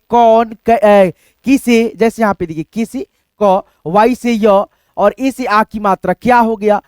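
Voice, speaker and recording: A man with a very high, clean voice and no room sound gives a screen-based spelling lesson. He explains step by step in a steady way, repeating each letter and constantly calling viewers his friends.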